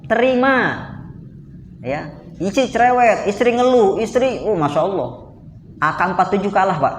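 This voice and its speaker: A man's voice: high voice, animated, normal speed, roomy sound, a little hiss or hum. An Indonesian man preaching in a mosque, asking his listeners questions and answering them himself. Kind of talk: lively sermon. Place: mosque hall.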